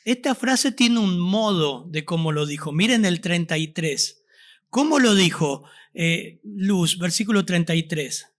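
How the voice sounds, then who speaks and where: A man with an Argentine accent delivers a church sermon in a notably high voice. He preaches to the congregation and keeps asking them rhetorical questions. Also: lively intonation, a little slow. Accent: Argentine Spanish. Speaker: pastor. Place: church service.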